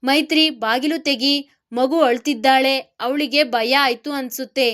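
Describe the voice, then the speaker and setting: A woman's voice: high voice, fairly even intonation, a little slow, fairly bright tone. A woman voicing a stern but caring middle-aged mother-in-law who speaks firmly.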